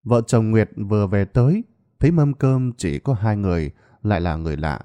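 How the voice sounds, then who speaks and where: Low dark-voiced male ghost storyteller. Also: moderate pace. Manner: expressive, dramatic reading. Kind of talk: scripted ghost story narration. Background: faint background music.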